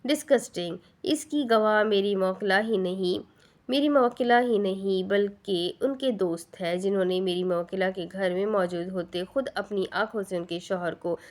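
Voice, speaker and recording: A woman's voice: medium pitch, close to an everyday voice. A woman voicing a cold, blunt female barrister who slips English phrases into her speech. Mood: icy. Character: cold sharp-tongued female barrister, young adult.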